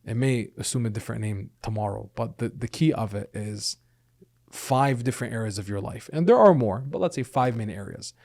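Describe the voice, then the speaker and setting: A man's voice: on the low side, a little fast, creaky, a little mellow. Earnest man explaining, asking "right?". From Lebanon and the United States. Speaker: guest, attorney and speaker. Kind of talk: podcast interview.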